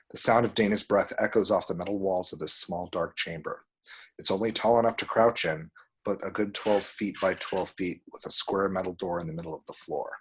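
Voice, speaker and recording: This low, breathy male voice belongs to someone reading screenplay action descriptions at a table read. He tells the story with vivid drama and voices the sound effects himself.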